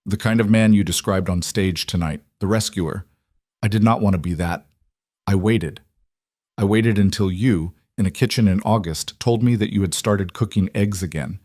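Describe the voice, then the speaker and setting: Reserved powerful man, deliberate low delivery, voiced by the male narrator. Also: a little mellow, no echo, studio quality. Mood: tender.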